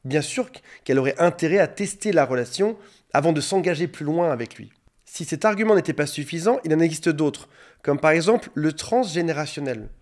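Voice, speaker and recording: A man's voice: fairly high pitch, lively intonation, fairly quick. A man hosting his own coaching channel, explaining relationships directly to camera and acting out quoted lines now and then. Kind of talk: talking-to-camera coaching monologue.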